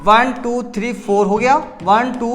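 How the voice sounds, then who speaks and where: His voice is extremely high yet steady in tone, fairly bright, and unhurried as this man teaches a chemistry lesson in relaxed classroom talk. Self-corrections come frequently, along with repeated key words and questions he answers on his own.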